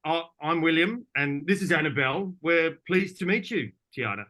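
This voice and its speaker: A man's voice: on the high side, animated, normal speed, bright, forceful tone. A young man playing an earnest, slightly hesitant student in an audio drama. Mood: chatty. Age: young adult. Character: young male student, eager, a bit literal.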